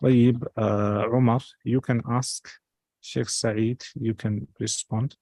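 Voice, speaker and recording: A man's voice: medium pitch, little pitch movement, takes it slowly, dark tone, no echo. A man teaching a study circle, patiently explaining step by step. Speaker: religious teacher.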